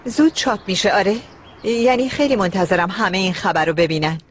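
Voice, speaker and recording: A woman's voice: medium pitch, expressive, a little hiss or hum, lightly acted. An actress dubbing a scheming, defiant wife who talks back to her husband. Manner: defiant, pointed. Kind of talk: Persian dub of a TV drama.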